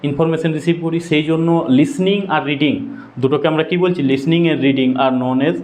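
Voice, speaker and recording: A man's voice: fairly high pitch, steady tone, normal speed, a little mellow, a little hiss or hum. A man with a Bengali accent giving an exam-prep lecture, asking questions and answering them himself, correcting his own slips aloud. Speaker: teacher.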